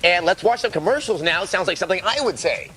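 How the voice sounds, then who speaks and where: A man's voice: sits high, lively intonation, fast. A man co-hosting a video game review show, trading self-mocking quips in studio banter. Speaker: TV show co-host.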